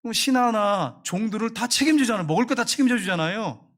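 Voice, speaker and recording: Male pastor, high voice, rapid emphatic sermon delivery with repeated phrases. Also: expressive, fairly bright tone.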